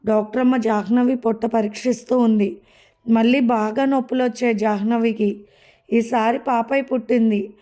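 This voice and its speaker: A woman narrating a family story as a storybook reader, steady and measured. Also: on the high side.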